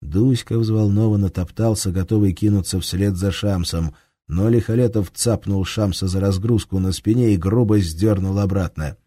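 A man narrating a war story in a measured, tense tone. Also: fairly low pitch, warm tone, dry recording, clean studio sound. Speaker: audiobook narrator. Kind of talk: scripted narration.

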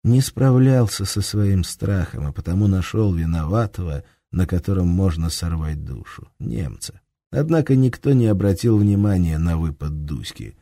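Deep, husky male narrator. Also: expressive, normal speed, dark tone, no room sound, clean studio sound. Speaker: audiobook narrator. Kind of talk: scripted narration.

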